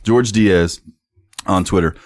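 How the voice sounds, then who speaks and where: Blunt, deep-voiced young man, sports podcast. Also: takes it slowly. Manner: blunt, profane, laughs often, reads tweets aloud. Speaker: podcast co-host. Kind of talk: casual sports podcast chat.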